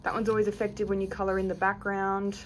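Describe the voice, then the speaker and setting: A woman's voice: mid-range voice, monotone, fast, background noise. A woman giving a casual review with frank, chatty opinions that she often hedges. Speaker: planner reviewer.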